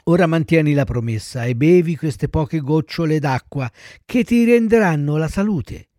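A man voicing a patient, motherly fairy who speaks calmly and coaxingly. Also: a little high, moderate pace, no room sound, clean studio sound, natural voice.

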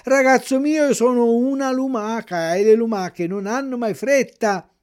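A man voicing an unhurried, placid snail who speaks slowly and calmly. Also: extremely high pitch, pitched above the performer's own voice. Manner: slow, placid, drawn-out. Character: slow, calm old snail, unhurried.

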